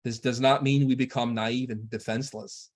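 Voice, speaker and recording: A man speaks at a middle pitch, neither high nor low, giving a spiritual lecture. His delivery is measured and earnest, unhurried like a teacher laying out instructions. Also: steady tone.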